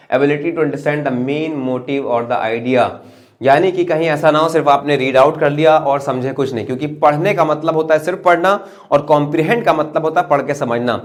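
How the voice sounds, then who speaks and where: A man teaching an exam-prep English lesson in Hindi, reading English phrases aloud slowly and asking "right?" to check in. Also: mid-range voice. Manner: asks "right?" to check understanding.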